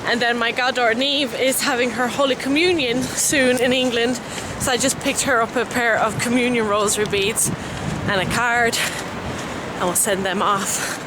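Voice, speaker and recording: A woman vlogger talks in a casual, chatty way. Her voice is pitched a little high, and clear street and outdoor noise with traffic runs behind her. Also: fairly even intonation, normal speed, few pauses. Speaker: family vlogger. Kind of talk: casual vlog chat. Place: outdoors in town and by a lake.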